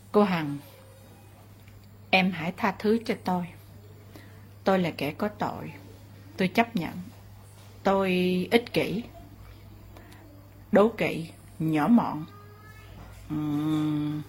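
A woman speaking as the remorseful spirit of a married man, slow and pleading. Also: on the low side, a little mellow, slightly rough, full character voice. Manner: slow, pleading, contrite confession.

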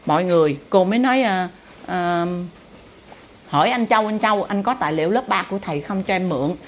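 Speaking in a lowish voice with a Southern Vietnamese accent, this spiritual teacher retells a dramatic story to her followers with emphatic delivery and acted-out quotes. There's a little hiss or hum.

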